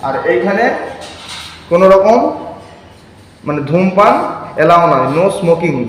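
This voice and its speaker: High-voiced man in an echoing empty room. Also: measured pace. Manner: chatty, pointing things out as he goes. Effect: echo from a big empty room. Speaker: vlogger. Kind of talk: casual walk-through vlog narration. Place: large, mostly empty waiting room indoors. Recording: echoey room with steady background noise.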